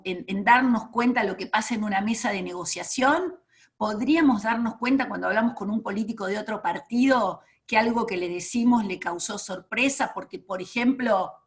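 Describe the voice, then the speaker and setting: Enthusiastic woman trainer, emphatic lecturing voice, mid pitch, lots of fillers. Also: fairly bright tone.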